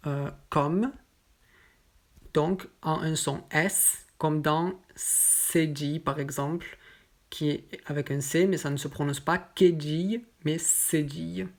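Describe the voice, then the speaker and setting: A woman teaching pronunciation, patiently spelling out sounds and pausing with fillers. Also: sits low. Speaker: French teacher. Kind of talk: pronunciation lesson.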